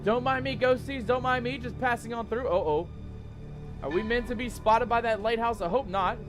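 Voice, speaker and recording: A man with a rather high voice gives playful gameplay commentary. He is theatrical, slips into pirate slang as he addresses his viewers, and loud music plays behind him. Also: moderate pace. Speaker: gaming video host. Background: loud game music.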